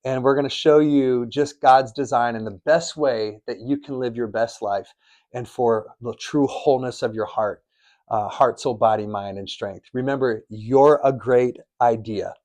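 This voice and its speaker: A man's voice: medium pitch, normal speed, darkish tone. Earnest preachy man telling stories. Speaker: podcast co-host. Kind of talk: faith-based podcast chat. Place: studio in Arizona.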